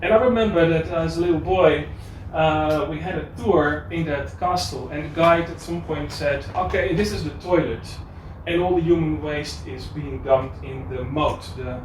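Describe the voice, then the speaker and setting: A man's voice: on the high side, moderate pace, few pauses. A man with a Dutch accent giving a live presentation, hesitant, with many fillers and restarts. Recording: echoey room, distant mic, noise.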